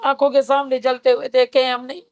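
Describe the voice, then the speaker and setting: A woman in her fifties tells her story in a grave, steady way, in short phrases. Her voice sits a little high and stays flat in its melody, smooth and clear. It sounds close and dry, with no room around it. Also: normal speed, no room sound. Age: 50s. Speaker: survivor interviewee. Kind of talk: personal testimony in an interview.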